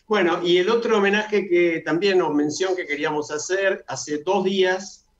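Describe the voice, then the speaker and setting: A man hosting a radio talk show, chatty, who announces details slowly and repeats them. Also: high-pitched, steady tone. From Argentina. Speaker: radio host. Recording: dull lo-fi radio sound.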